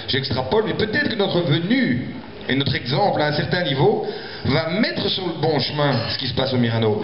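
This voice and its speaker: A man representing a project at a public meeting, arguing persuasively in an insistent, explanatory way. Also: fairly high pitch. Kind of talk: spontaneous persuasive address. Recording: echoey, muffled hall with audience noise.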